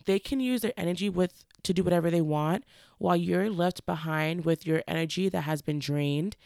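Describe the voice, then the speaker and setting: A woman hosting a casual solo podcast, talking frankly and earnestly while stuffy from a cold, speaking slowly on purpose. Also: lowish voice, creaky, a little mellow, dry recording, studio quality. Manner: frank, earnest, slowed deliberate delivery. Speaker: podcast host.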